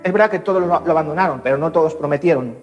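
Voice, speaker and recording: A male pastor delivers a sermon in a fairly high voice. He is animated, jumping between registers as he acts out scenes. Faint music plays in the background of the church. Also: very fast, highs cut off. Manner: animated, acting out dialogue with voice shifts.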